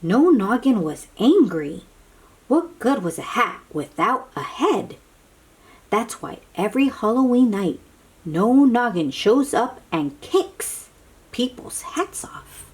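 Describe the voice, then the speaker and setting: Her voice runs on the high side with a breathy edge as she reads a picture book aloud for young children. She makes it dramatic and drawn-out, slipping into hushed moments and breaking off for asides and questions to her listeners.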